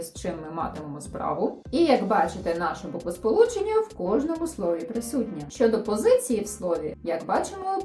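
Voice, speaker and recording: Young female teacher, animated delivery, faint background music, slightly echoey room. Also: fairly high pitch. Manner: clear, explanatory, lively teaching tone. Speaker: English teacher. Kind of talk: online reading lesson.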